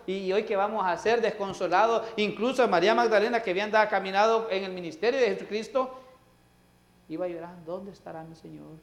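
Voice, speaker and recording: Animated preacher man in a roomy church. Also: fairly high pitch. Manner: animated preaching, swings between loud emphasis and soft asides, acts out quoted voices. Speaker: pastor. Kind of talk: sermon. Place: church sanctuary.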